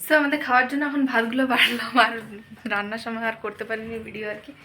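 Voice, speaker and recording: A woman's voice: fairly high pitch, fast talker, pushed and bright, a little hiss or hum. A woman with a Bengali accent chatting through her day at home as a vlogger, giving running commentary on kitchen chores. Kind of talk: casual home vlog narration.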